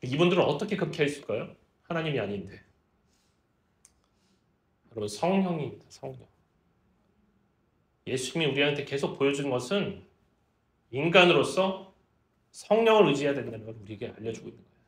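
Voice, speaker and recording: A man preaching a lively sermon as a pastor, asking the congregation questions and acting out Jesus and the disciples in casual speech. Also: medium pitch, fairly quick, pauses often, roomy sound. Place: church.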